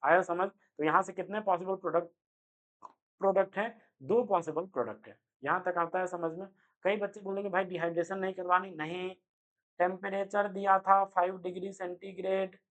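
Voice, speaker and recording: A young man giving an energetic online chemistry lecture, speaking loudly and constantly quizzing his students with quick rhetorical questions. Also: high-pitched, muffled recording. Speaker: chemistry teacher. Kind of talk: online exam-prep lecture.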